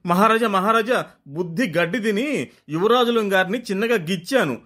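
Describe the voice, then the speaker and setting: Brief: flustered royal queen, high and fussy, played by a man. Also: lively intonation, moderate pace, fairly bright tone. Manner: raised, fussing.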